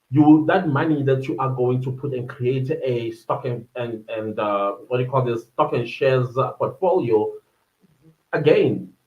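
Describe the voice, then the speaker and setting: A man's voice: medium pitch, roomy sound, phone-quality sound. A man in his thirties from Durban with a South African accent, talking casually on his solo podcast, rambling and searching for words with many fillers. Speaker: podcast host.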